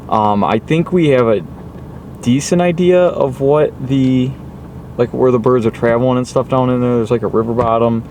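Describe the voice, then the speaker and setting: A man gives a casual, off-the-cuff vlog update outdoors. His voice sits at a medium pitch, with clear background noise around it. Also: a little mellow. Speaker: hunting vlogger. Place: outdoors at a rural hunting spot.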